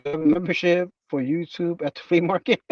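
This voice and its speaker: A man's voice: sits high, takes it slowly, no room sound, recorded from a distance, highs cut off. A man hosting a casual livestream who rambles and restarts, with lots of fillers as he talks to his chat. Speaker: livestream host.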